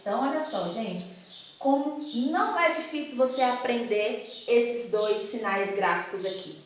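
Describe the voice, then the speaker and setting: Brazilian woman teacher, fairly high voice, patient and playful, very echoey room. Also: lively intonation. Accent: Brazilian Portuguese. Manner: patient, explains slowly with many tag questions. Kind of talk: recorded classroom lesson for children.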